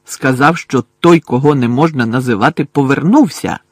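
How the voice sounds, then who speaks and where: A man's voice: mid-range voice, moderate pace, no room sound, clean studio sound, natural voice. Man playing a stern older woman professor. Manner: clipped, commanding questions. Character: stern older female professor, brisk and strict.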